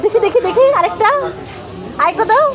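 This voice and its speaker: A woman's voice: very high-pitched, a little fast, highs cut off, a crowd in the background. A young woman, a mother, chatting playfully with her small children in a casual family vlog, teasing and coaxing them. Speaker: mother and vlogger.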